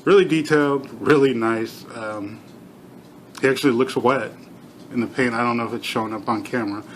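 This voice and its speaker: Middle-aged man, bright voice, numb half-mouth slur. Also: mid-range voice, a little fast, slight background noise. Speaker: toy reviewer. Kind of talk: casual hands-on video review, unscripted.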